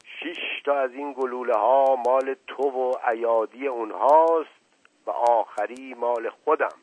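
A man voicing a paranoid, explosive older uncle who shouts and trembles with anger, in a dull lo-fi radio recording. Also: medium pitch, no echo, pitched above the performer's own voice, close to an everyday voice. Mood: enraged.

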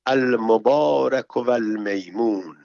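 A man voicing a cleric who officiates a wedding, asking formal questions in a slow, raised voice. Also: medium pitch, gravelly, darkish tone, dry recording, lightly acted. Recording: dull, muffled audio.

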